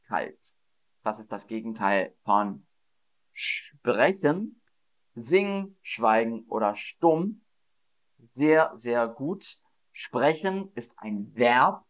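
Slow, patient man quizzing German learners. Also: medium pitch, a bit bright. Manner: slow, patient, repeats words and praises viewers. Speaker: German teacher streaming to learners. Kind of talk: live-streamed vocabulary quiz. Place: streaming setup at home.

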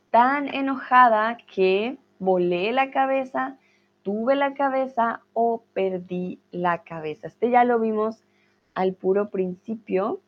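A woman teaching a live-stream Spanish lesson, reading viewers' comments aloud and answering each one with encouragement. She talks slowly and patiently in a mid-range voice, and the stream audio sounds dull and lo-fi. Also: medium pitch.

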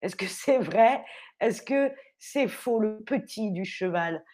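A young woman teaching French on a livestream, speaking slowly and clearly, spelling words out letter by letter and cheering on viewers. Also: medium pitch, lively intonation, darkish tone. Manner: upbeat, encouraging, quizzes viewers. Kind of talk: live online vocabulary lesson.

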